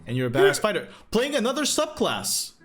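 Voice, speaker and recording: A man's voice: sits high, huge pitch swings, a little fast. A young man hosting a livestream as game master, chatting casually and rambling with many fillers and restarts. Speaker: game master and stream host. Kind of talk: casual livestream chat, reading chat questions. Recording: faint music behind.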